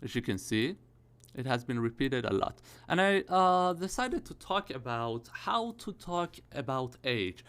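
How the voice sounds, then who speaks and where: Very animated yet unhurried, a man in his early thirties gives an IELTS grammar lesson in a medium-pitched, fairly bright, clean voice. He walks through each point step by step, frequently asking "okay?" and "all right?".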